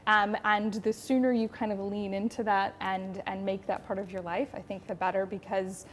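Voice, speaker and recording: A woman's voice: mid-range voice, normal speed, slight background noise. A woman in her thirties with an American accent, chatting expressively as a guest in a TV studio interview. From United States. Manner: chatty, expressive, gestures while talking. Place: TV studio, indoors.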